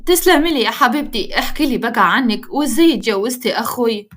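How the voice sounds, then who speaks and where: A woman's voice: on the high side, expressive, quick pace. Woman doing a friendly, chatty young woman. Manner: warm, chatty.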